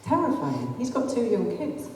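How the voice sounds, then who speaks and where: Her voice sits at a medium pitch with a dark tone, swinging hugely up and down at a moderate pace. The speaker is a middle-aged activist with a Greater Manchester accent from North West England, addressing an arts centre hall passionately, full of ums and rhetorical questions. It's captured from afar in an echoey hall with a little background noise.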